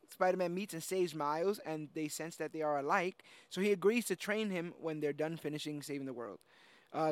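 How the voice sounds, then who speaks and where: A man with a high, light voice talks through a movie plot for his friends in a loose, chatty way, with plenty of fillers. The sound is dry and close. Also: no room sound. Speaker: podcast host recapping a film. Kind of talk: casual chat, summarizing a plot.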